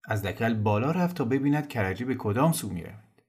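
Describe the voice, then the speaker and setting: A man narrating a novel in a calm, measured storytelling voice. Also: mid-range voice, husky.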